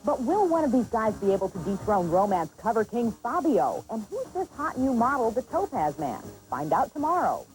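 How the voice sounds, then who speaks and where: A woman's voice: a little high, big pitch swings, moderate pace, hardly any pauses, darkish tone, soft background music, rough recording. A woman presenting entertainment news in scripted television narration.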